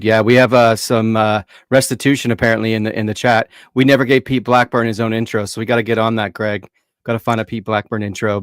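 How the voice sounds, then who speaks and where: Fast-talking low-voiced male co-host. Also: dry recording, studio quality. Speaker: podcast co-host. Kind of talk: casual chat.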